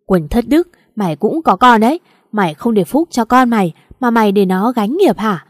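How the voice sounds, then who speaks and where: A woman voicing an older mother who screams scolding accusations in a raised, higher voice. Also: expressive, moderate pace, dry recording, studio quality. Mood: furious. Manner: shouting, scolding.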